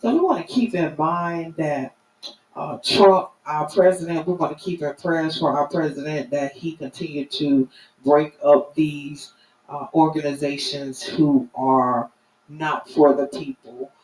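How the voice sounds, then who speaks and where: A middle-aged or older woman, hosting a live stream in an earnest, halting, emphatic way. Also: low voice, a little mellow. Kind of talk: informal spoken commentary to viewers. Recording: roomy, distant mic, faint noise.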